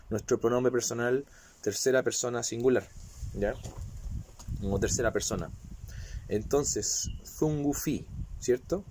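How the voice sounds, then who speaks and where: A man's voice: medium pitch, darkish tone, slight background noise. A man with a slight cold gives a casual video lesson, talking chattily and often checking that his viewers follow along. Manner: chatty, keeps checking in with "¿ya?" and "¿cierto?". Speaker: language teacher.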